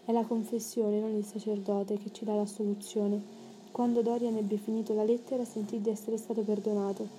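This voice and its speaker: A woman narrating a literary audiobook in a measured, steady storytelling manner. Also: medium pitch, slight background noise.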